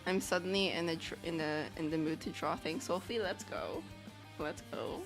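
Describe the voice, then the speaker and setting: With music playing in the background, a woman whose voice is on the low side speaks at a moderate pace while she draws live. She rambles in a chatty, casual way and voices questions from her viewers.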